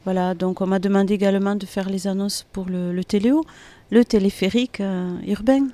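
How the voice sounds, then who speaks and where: A woman's voice: medium pitch, fairly even intonation, brisk, mellow. A woman with a Toulouse accent giving a conversational interview, often hesitating as she searches for words. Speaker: guest, metro announcer and singer. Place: hotel courtyard in city centre.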